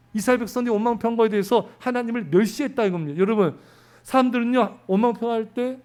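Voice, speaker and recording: A man's voice: sits high, a little mellow. A man preaching a sermon as pastor, talking with his congregation and putting questions to them. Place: church sanctuary.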